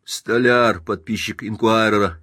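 A man reading a classic novel aloud as an audiobook narrator, in a plain, measured manner. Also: on the low side, fairly even intonation, bright, forceful tone, breathy edge, no echo, studio quality. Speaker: audiobook reader. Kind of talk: scripted narration.

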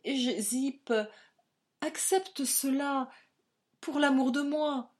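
A woman's voice: high-pitched, fairly even intonation, takes it slowly, pitched above the performer's own voice. A woman voicing an emotional, devoted young girl. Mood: pleading. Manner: emotional, insistent. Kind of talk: audiobook character reading.

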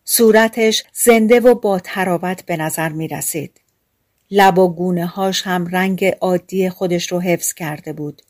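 A woman narrating a fairy tale audiobook in a calm, measured reading. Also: on the low side, no echo, clean studio sound. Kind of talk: storytelling narration.

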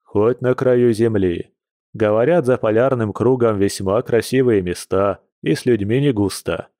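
A man voicing a hot-tempered, protective bear shapeshifter, gruff and intense, in an audiobook. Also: a little slow, mellow, dry recording, clean studio sound, lightly acted. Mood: tender resolve. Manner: gruff, intense, with low hissed anger. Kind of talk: audiobook character reading.

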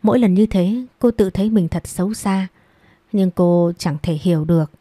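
A woman narrating a dramatic audiobook story in a measured storytelling manner, recorded close on a mic. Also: mid-range voice, mellow, no echo.

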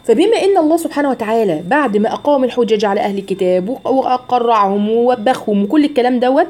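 A woman with an Egyptian Arabic accent teaching Quran recitation rules, drawing out syllables slowly as drills and asking and answering her own questions. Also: a little high, lively intonation, a little mellow.

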